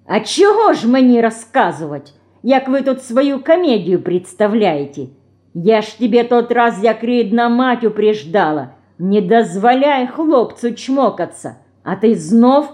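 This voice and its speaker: A woman voicing a sharp-tongued young village girl who scolds and chatters in rural dialect. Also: fairly high pitch, lively intonation, normal speed, few pauses, close to an everyday voice. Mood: grumbling.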